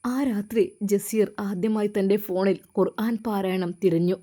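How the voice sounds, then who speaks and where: A woman from Kerala narrating a religious story in a measured, earnest way. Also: mid-range voice, steady tone, mellow.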